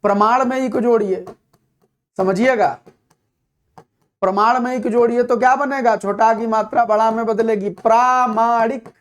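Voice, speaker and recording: A male teacher with a fairly high voice explains grammar in an exam-prep lesson. He hammers points home by repeating key words and throwing rhetorical questions at his students. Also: fairly even intonation, normal speed, long pauses. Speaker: Hindi teacher.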